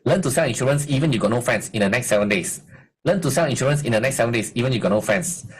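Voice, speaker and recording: A man's voice: medium pitch, fast talker, breathy edge. A middle-aged man, teaching a live online marketing masterclass and quizzing his audience. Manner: energetic, rhetorical quiz questions to the audience. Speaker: marketing coach.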